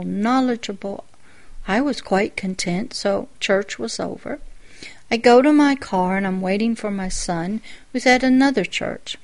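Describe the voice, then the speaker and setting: A woman pastor giving a sermon-style personal testimony, telling the story in a reflective way with quiet asides. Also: medium pitch.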